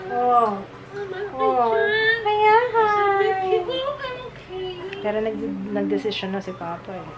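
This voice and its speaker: A woman's voice: mid-range voice, measured pace, highs cut off, heavy background noise. A woman vlogger talking candidly to her viewers at home in a casual, confiding way. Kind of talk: casual chat to camera.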